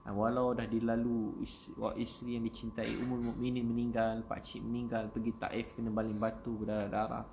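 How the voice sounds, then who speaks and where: A Malaysian man with a Malay accent gives a casual religious talk on a livestream, repeating phrases and rising to loud, emphatic exhortations. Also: medium pitch, monotone, brisk, gravelly, few pauses, a little hiss or hum. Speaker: preacher. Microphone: phone.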